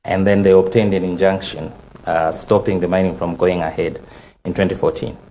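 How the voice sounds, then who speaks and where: Deep-voiced Zambian lawyer laying out dates. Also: male voice, level tone, moderate pace, warm tone, slight background noise. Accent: Zambian English. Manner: methodical, recounts a timeline with frequent uh fillers. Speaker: legal counsel for a conservation group. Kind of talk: studio TV panel discussion.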